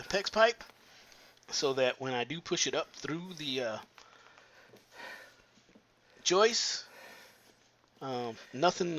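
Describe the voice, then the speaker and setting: A man of ordinary, mid-range pitch talks through a plumbing job in a how-to video. He speaks haltingly and keeps stopping to fill pauses as he works in a tight attic crawl space. A faint hum of ambience sits under his voice. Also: fairly bright tone. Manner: halting, with many filler pauses. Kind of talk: how-to narration while working.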